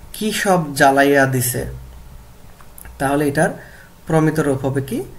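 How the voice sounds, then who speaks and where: A man teaching a lesson, reading a story aloud and then explaining words and repeating them slowly to model their pronunciation. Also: medium pitch.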